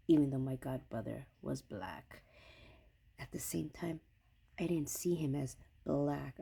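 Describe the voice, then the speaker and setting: A middle-aged woman from Hawaii speaks to her viewers in a slow, low, gravelly voice with a dark, husky tone. She talks casually but emphatically, stressing her points and checking in with the listener as she goes. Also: rough recording. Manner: emphatic, addresses viewer directly, repeats "okay?". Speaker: vlogger. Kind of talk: casual talking-to-camera response video.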